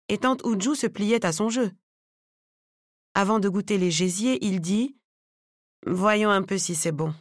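A woman narrates an audiobook chapter in a measured, even storytelling manner. Her voice sits at an ordinary middle pitch, and the recording is close and dry with no room sound. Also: no room sound. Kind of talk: scripted narration.

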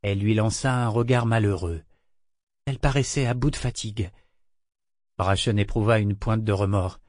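A man narrating an audiobook in a measured, steady storytelling manner. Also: on the low side, no room sound, studio quality. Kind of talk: scripted narration.

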